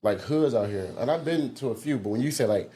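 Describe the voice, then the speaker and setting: A man's voice: mid-range voice, animated, a little fast, warm tone. A man in his thirties from the Midwest, a podcast guest in laid-back, joking casual chat. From American Midwest. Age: 30s.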